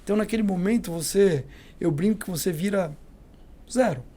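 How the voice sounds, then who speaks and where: A middle-aged Brazilian man with a Brazilian Portuguese accent, a company CEO telling lively anecdotes as a podcast guest, acting out the dialogue. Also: high-pitched, fairly quick. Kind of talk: storytelling in a podcast interview.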